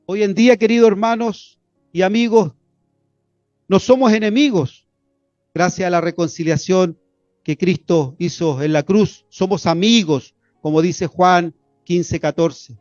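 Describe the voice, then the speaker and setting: A man's voice: high voice, measured pace, a little mellow, no echo, highs cut off, faint music behind. A man from Chile preaching an expository sermon, earnest and repetitive, often addressing his listeners as brothers.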